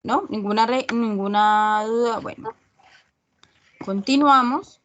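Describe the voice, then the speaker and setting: Woman teacher on a video call, slow and patient, keeps asking "right?" after each rule. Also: fairly high pitch, highs cut off, a little hiss or hum. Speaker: English teacher. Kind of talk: online English grammar class.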